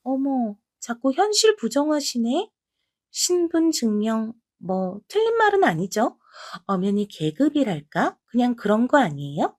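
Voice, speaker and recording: A snide, condescending sister-in-law, voiced by a woman for a story drama. Her bright, high voice swoops up and down as she sneers and belittles. Every line drips with sarcasm. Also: very animated, unhurried. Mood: smug. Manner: mocking, sarcastic, talks down. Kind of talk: audio drama acting.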